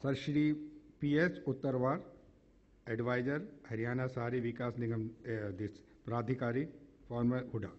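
A man's voice: medium pitch, steady tone, moderate pace, muffled recording, slight background noise. A man with a North Indian accent making formal conference announcements in a polite, hesitant way, repeating phrases as he goes. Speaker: convention session host. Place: large indoor hotel conference hall.

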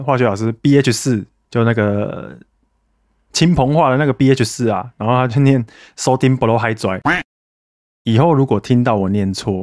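A man's voice: fairly low pitch, darkish tone, no echo, studio quality. Chatty self-mocking male podcast host. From Taiwan. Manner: chatty and self-mocking, reads donor messages aloud. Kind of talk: casual solo podcast chat.

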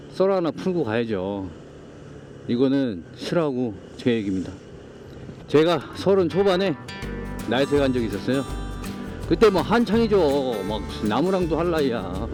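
A man's voice: medium pitch, mellow. A middle-aged man giving casual, blunt, grumbling vlog commentary in slangy banter, his articulation slightly slurred by loose dentures. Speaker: vlog host.

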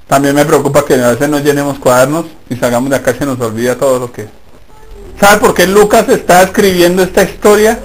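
A male pastor preaching a sermon in church, emphatic and addressing the congregation directly, moving between loud and hushed. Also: fairly high pitch, low-quality recording.

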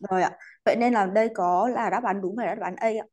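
A woman's voice: medium pitch, fairly even intonation, fast talker, darkish tone. A woman teaching an English class, polite and patient, slipping English words into her explanations. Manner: polite, patient, adds courteous particles to most sentences. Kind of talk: online class lesson.

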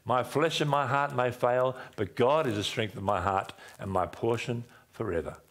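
A man in his sixties, a pastor, seated on a dim church stage with a headset mic, telling a personal story in a conversational sermon and often dropping his voice low for emphasis. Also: moderate pace. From Australia. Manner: conversational, animated gestures, drops low for emphasis.

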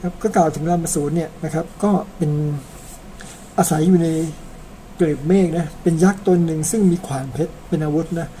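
A man's voice: on the high side, steady tone, fairly quick, mellow, a little hiss or hum. A man from Thailand narrating an old epic in a chatty, casual way, tagging his sentences with polite particles and slipping in personal asides. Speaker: storyteller.

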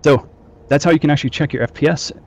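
A man's voice: a little high, rapid-fire, creaky, a little mellow. A man leading a game training session over group voice chat, instructing loosely with frequent fillers. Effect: heard over group voice chat. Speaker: squad trainer.

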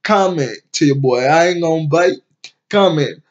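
A man's voice: fairly high pitch, muffled recording. A man casually recapping a TV episode, rambling with restarts and slang as he retells scenes. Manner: rambling retelling with many restarts and "he was like" quotes; slow-paced, colloquial, relaxed slang.

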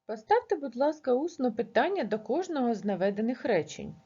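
A woman teacher reads a grammar lesson with a husky, darkish voice that rises and falls a lot. She goes slowly and clearly over each example sentence. The recording sounds dull and lo-fi. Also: a little high, very animated, warm tone. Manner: slow, measured dictation of example sentences. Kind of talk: reading a grammar lesson aloud.

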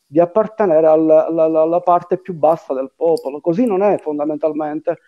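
A man's voice: fairly high pitch, fairly quick, narrow, tinny audio. A middle-aged man with a Sicilian accent, talking conversationally as a guest from home on a video call. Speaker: guest on a live show. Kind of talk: conversational discussion. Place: living room at home. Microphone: wired earphone mic on video call.

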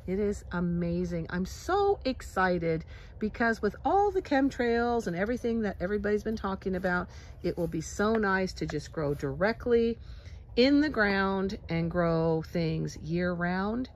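A Midwestern woman filming a chatty, excitable walkthrough of her homestead greenhouse on her phone, with lots of fillers. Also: medium pitch, a little hiss or hum. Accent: Midwestern American. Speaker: homesteader vlogger. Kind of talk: casual walkthrough tour. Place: outdoors on a farm, in and around a greenhouse. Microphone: handheld phone camera.

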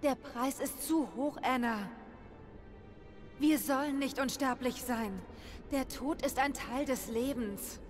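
A woman voicing a determined young adventurer in a dubbed video game, resolute and forceful. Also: high voice, slow, faint music behind.

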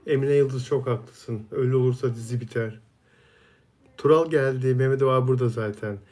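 A man's voice: mid-range voice, brisk, a little mellow. A man hosting a casual live stream, reading viewer comments aloud and answering each viewer by name in a friendly, chatty way.

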